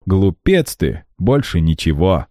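A man's voice: low voice, big pitch swings, takes it slowly, dark tone, no room sound, clean studio sound, heavily acted. A man voicing a terse, commanding male adventurer in an audiobook reading.

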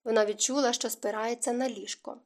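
A woman narrating a historical romance audiobook in a smooth, even storytelling manner. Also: fairly high pitch, fairly quick. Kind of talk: scripted narration.

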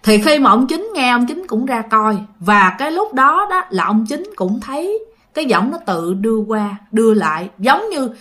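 A woman narrates ghost stories in a relaxed, chatty tone. She keeps turning to her listeners as she talks. Her voice sits a little high. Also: normal speed. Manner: chatty, addresses listeners directly. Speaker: storyteller.

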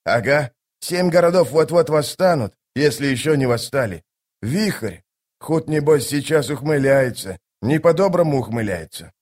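A man's voice: on the high side, lively intonation, moderate pace, darkish tone. A man voicing a defensive, fussy male soldier-mage who mutters and sighs as he explains. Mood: eager. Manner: muttering, sighing.

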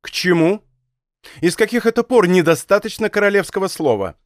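A man reading a commanding, impatient young king in an audiobook, firing off sharp questions. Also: sits high, lively intonation, fairly quick, dry recording, studio quality, pitched above the performer's own voice. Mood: imperious. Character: angry young male king, imperious and impatient.

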